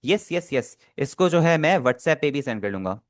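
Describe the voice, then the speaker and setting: A man with a fairly high voice teaches an online class over a video call. He explains patiently and step by step, often stopping to check that his students are keeping up. The sound is dry and close. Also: animated, normal speed, no room sound.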